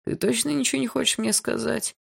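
A woman voicing a domineering teenage schoolboy who gives curt, menacing orders in a low, gravelly voice. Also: steady tone, fast talker, exaggerated voice. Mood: cold.

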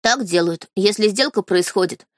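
Audiobook: woman reader as detached male sacred beast in boy form, flat calm delivery, dry close sound. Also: mid-range voice, normal speed, dry recording, lightly acted. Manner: calm, indifferent, matter-of-fact. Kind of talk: audiobook character reading.

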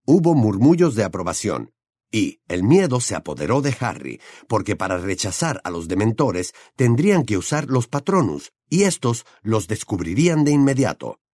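A male audiobook narrator reads a scripted book aloud in a dramatic, expressive manner. His voice is lowish and his speed normal, recorded with clean studio sound and no room sound.

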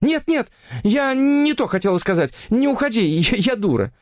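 A man's voice: high voice, animated, normal speed, no echo, studio quality, voice pushed up. A man voicing a desperate, lovesick married woman who pleads and reproaches, in an audiobook story.

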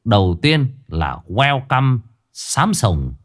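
A man narrating a comic folk story in an animated, mocking way. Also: mid-range voice, slow.

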